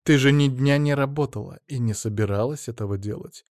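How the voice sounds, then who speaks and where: A man's voice: mid-range voice, a little fast, darkish tone, no echo, studio quality, natural voice. A man reading an audiobook, voicing a cold, curt middle-aged woman with a scornful manner.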